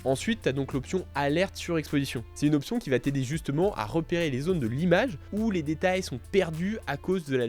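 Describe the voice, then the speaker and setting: Casual male tutorial host, fairly high voice, chatty and direct with the viewer, faint music underneath. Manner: friendly, addresses viewer informally.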